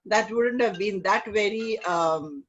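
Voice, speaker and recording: A middle-aged woman with an Indian accent, working as an image consultant, is a guest in a conversational interview. Her mid-range voice comes out haltingly, and she often tags her phrases with "you know." The sound is dull and lo-fi, like an online call.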